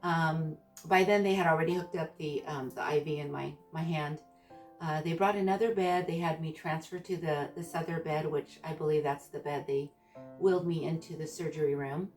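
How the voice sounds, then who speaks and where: A woman vlogger casually recounting a personal experience in a halting, hesitant way, searching for her words. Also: low-pitched, steady tone, a little mellow. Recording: distant mic with background music.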